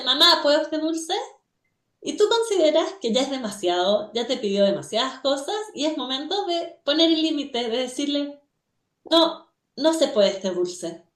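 Woman guest teacher on community radio, fairly high voice, storytelling manner, roomy echo. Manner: storytelling, asks rhetorical questions. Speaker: guest speaker, religious teacher. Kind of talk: reflective talk on a teaching.

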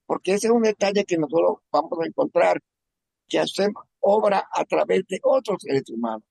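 A man from Venezuela telling a personal testimony in a halting, emotional way, often repeating words. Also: high-pitched, very animated, gravelly, darkish tone, dry recording. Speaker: testimony speaker.

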